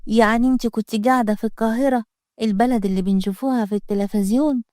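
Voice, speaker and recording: A woman's voice: fairly high pitch, fairly even intonation, fast, mellow, dry recording, studio quality, close to an everyday voice. A woman voicing a spoiled, bossy little girl with an Upper Egyptian accent, haughty and whiny. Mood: eager.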